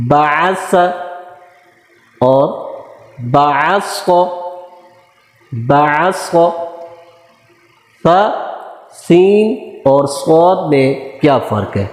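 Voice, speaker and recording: A man teaching a recorded lesson on reading Arabic script, slowly sounding out letters and short words one at a time. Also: fairly high pitch, mellow. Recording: echoey room with long reverb.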